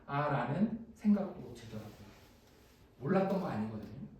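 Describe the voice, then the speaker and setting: Male pastor, sermon, storytelling delivery, lively pitch, echoey room, mic at a distance. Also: moderate pace. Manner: personal storytelling, shifting from animated to hushed. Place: small church room.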